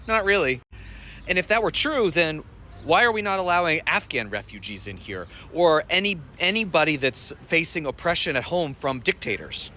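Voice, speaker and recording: A man's voice: fairly high pitch, sharp tone, a little hiss or hum. A man giving wry, incredulous political commentary to the camera. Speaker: social media commentator.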